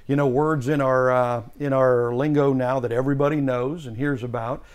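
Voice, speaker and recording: A man's voice: medium pitch, fairly even intonation, moderate pace, clear, resonant tone. A man co-hosting a local morning talk show, chatting casually and interviewing a guest. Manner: conversational, with filler words.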